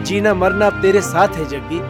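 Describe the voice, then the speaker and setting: A man dubbing a playful sidekick who mock-pleads melodramatically, over loud music. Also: high-pitched, fairly quick, natural voice. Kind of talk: dubbed film dialogue.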